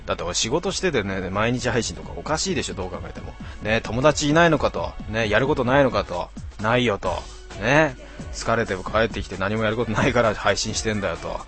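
A man's voice: fairly low pitch, animated, a little fast, fairly bright tone, soft background music. Tipsy young man rambling on stream. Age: 20s. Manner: rambling, rough slangy self-mocking banter. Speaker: live streamer. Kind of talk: casual live-stream chat reading viewer comments.

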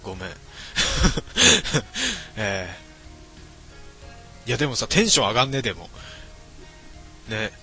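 A man's voice: on the low side, lively intonation, normal speed, long pauses, pushed and bright, soft background music. A middle-aged man streaming late at night, reading viewer comments aloud in a casual, mumbling way with many fillers.

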